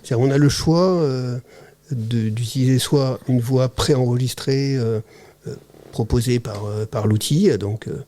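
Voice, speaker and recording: A man with a soft, mellow tone and mid-range pitch, talking as a guest on an interview podcast. He speaks in a halting, searching way, pausing on fillers and restarting phrases. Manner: hesitant, halting, many fillers. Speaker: podcast guest, teacher-researcher. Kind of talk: casual conversational interview.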